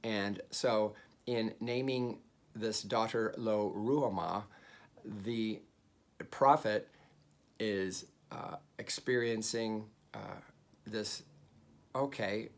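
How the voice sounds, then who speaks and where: Gravelly-voiced man teaching Bible study. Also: fairly low pitch, drawn-out words, pauses often. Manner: conversational teacher with frequent fillers and restarts; explains Hebrew words and pronunciations.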